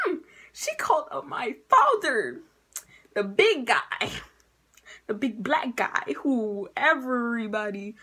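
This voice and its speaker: Animated husky young woman telling a story. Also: fairly high pitch. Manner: animated, acts out quoted voices, swings between loud and hushed. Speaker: vlogger. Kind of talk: storytime vlog.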